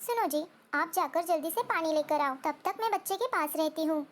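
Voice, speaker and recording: A woman's voice: very high-pitched, expressive, normal speed. A woman voicing a kind, helpful female sparrow in a cartoon story. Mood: caring. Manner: gentle, caring.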